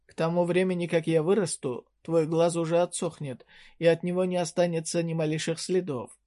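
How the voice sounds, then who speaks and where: A man's voice: fairly high pitch, level tone, a little fast, mellow, lightly acted. Casting: narrator as a young male hero, wary and blunt, dry delivery. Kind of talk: audiobook character reading.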